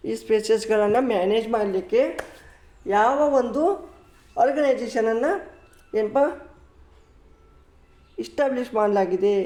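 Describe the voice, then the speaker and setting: A man's voice: high voice, warm tone. A man teaching an exam-prep lesson, repeating points and reading English questions out word by word. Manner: slow, repetitive, reads English questions word by word. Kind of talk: classroom-style exam lecture. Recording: echoey room.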